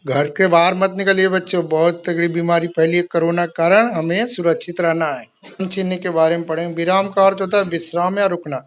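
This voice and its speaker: High-voiced male teacher explaining grammar. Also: steady tone, a little fast, fairly bright tone. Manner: explains step by step, reads out example sentences; addresses pupils kindly as "my children". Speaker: school teacher. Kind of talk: online Hindi grammar lesson for children.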